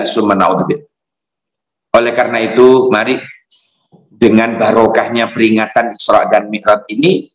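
Religious teacher, man, dramatic storyteller, echoey school room. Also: lowish voice. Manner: dramatic storyteller voicing characters.

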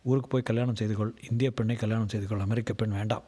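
Guy doing a bitter middle-aged businessman, preachy and cynical, dark husky voice. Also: fairly low pitch, fairly even intonation, very fast. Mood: lecturing, cynical. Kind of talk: audiobook narration.

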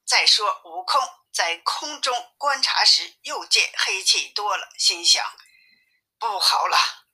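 A woman reading a classic story aloud in a lively manner, shifting her voice for each character. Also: medium pitch, unhurried, few pauses, slightly rough. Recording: tinny phone-like sound.

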